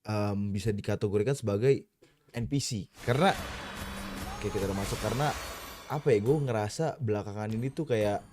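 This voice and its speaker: A man's voice: fairly low pitch, brisk. A man in his twenties talking casually while he plays a game, rambling, swearing and breaking off to react to the match. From Indonesia. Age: 20s. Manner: slangy, swears often, breaks off mid-thought to react to the game. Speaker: streamer. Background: game music.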